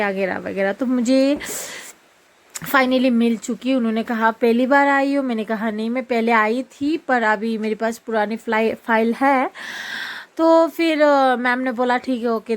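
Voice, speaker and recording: A woman narrating her vlog in a casual, rambling voice-over full of fillers and restarts. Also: a little high. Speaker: vlogger. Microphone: voice-over recorded after filming.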